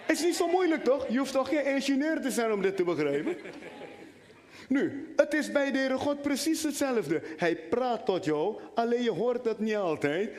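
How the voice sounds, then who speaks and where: High-voiced animated male preacher. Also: moderate pace. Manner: animated, talks directly to the congregation. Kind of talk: sermon. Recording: long hall reverb.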